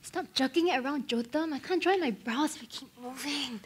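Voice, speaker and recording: A woman's voice: high-pitched, fairly quick, natural voice. A young woman playing a blunt, sassy friend.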